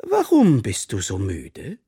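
A man reading an audiobook, voicing a kind, timid male headmaster who speaks softly. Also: lowish voice, wildly swooping pitch, slow, slightly rough, no echo, clean studio sound, full character voice. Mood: gentle. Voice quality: soft, friendly.

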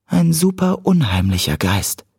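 A man's voice: on the high side, very animated, a little slow, creaky, a little mellow, husky, no room sound, voice pushed up, full character voice. A man voicing a sarcastic, teasing teenage girl in an audiobook, raising his voice to play her. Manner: dry, teasing, lightly mocking. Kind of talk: audiobook character voice.

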